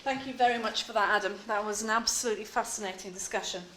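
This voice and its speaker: A woman's voice: medium pitch, fairly even intonation, fast talker, bright, forceful tone, roomy sound, a little hiss or hum, rough recording. A woman chairing an academic panel, thanking and introducing speakers.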